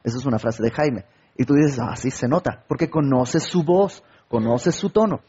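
A man's voice: mid-range voice, moderate pace, warm tone, slightly rough, highs cut off. A man preaching a sermon, asking his listeners questions and acting out little everyday conversations. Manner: rhetorical questions and acted-out everyday dialogue.

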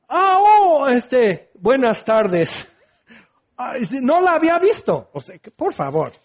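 A man preaching a sermon, animated and acting out scenes, then sinking into soft prayerful tones. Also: high-pitched. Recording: dull lo-fi recording.

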